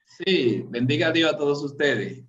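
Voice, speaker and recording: A former pastor introducing himself politely to an online class. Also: male voice, fairly high pitch, lively intonation, normal speed, a bit bright, muffled recording. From Dominican Republic. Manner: polite, self-correcting.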